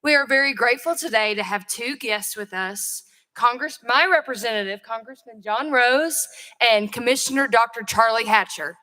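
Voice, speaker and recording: A woman's voice: on the high side, moderate pace, sharp tone. A nineteen-year-old woman from Tennessee, a student officer, giving a careful, grateful prepared speech. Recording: reverberant chamber.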